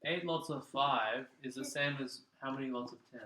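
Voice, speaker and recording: A man's voice: medium pitch, moderate pace, pushed and bright. A man tutoring a child in maths one-on-one, explaining patiently and checking in with frequent "okay?"s. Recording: echoey room.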